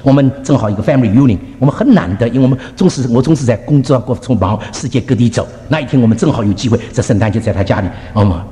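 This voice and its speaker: An older man preaching, telling family stories in an animated, chuckling way and acting out quotes, with English words mixed in. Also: medium pitch, rapid-fire, hardly any pauses, long reverb tail. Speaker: pastor. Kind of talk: sermon with personal stories.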